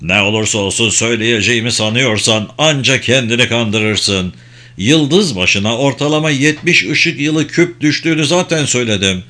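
A man voicing an arrogant middle-aged male autocrat who barks orders and then turns icily calm. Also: mid-range voice, moderate pace, lightly acted. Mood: cold.

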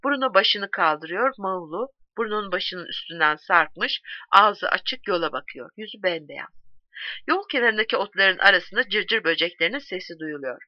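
A woman reading a novel aloud in a measured, expressive way. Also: mid-range voice, no room sound, highs cut off. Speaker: audiobook reader.

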